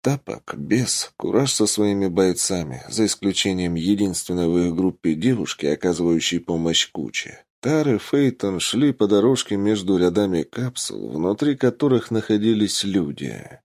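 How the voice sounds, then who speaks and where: A man narrating an audiobook with expressive storytelling. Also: low voice, normal speed, few pauses.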